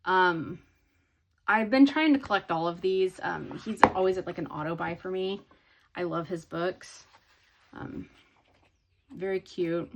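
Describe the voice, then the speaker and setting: A woman's voice: fairly low pitch, measured pace, long pauses, slight background noise. A woman chatting casually in a hobby haul video, rambling with many ums and restarts. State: sleepy, yawning. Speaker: hobby vlogger.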